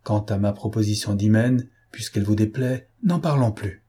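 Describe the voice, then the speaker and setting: A man's voice: lowish voice, moderate pace, mellow, slightly rough. A man reading an audiobook, playing a vengeful, brooding Spanish man who speaks in a cold, solemn, threatening way. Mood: menacing.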